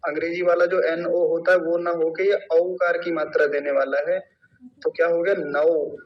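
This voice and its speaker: Male teacher in an online lesson, slightly high voice, spells out syllables slowly; distant, muffled mic. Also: little pitch movement. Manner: slow, drawn-out syllable-by-syllable demonstration. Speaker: Sanskrit pronunciation teacher.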